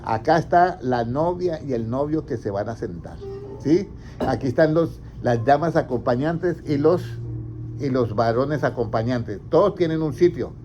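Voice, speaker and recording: A man's voice: medium pitch, mellow. A man, preaching as a pastor. He keeps asking his congregation questions and then answering them himself. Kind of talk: interactive sermon. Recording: slightly dull, faint background noise.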